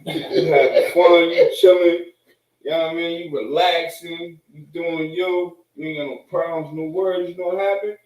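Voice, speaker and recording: A man's voice: fairly high pitch, fairly even intonation, brisk, few pauses. A man chatting casually in a rambling, repetitive stoner way, with slangy, profane street talk. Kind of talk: casual chat. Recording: echoey room, distant microphone.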